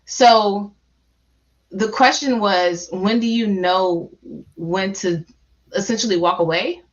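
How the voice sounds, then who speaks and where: Woman speaking slowly, near tears, lo-fi. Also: mid-range voice. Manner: slow, halting, fighting back tears. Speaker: panelist. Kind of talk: emotional panel discussion.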